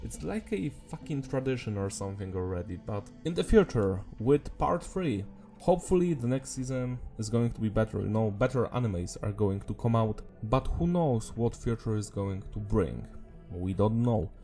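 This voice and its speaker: Over soft background music, an anime review host talks at a moderate pace in a fairly low, warm, expressive voice. His throat sounds swollen and sore from illness, and he rambles casually with a bit of mild swearing.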